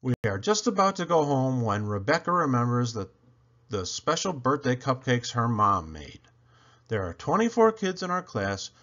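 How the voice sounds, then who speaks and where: A man reads a children's picture book aloud like an animated storyteller, phrasing dramatically and emphatically with playful swoops. His mid-range voice moves at normal speed, and the highs are cut off.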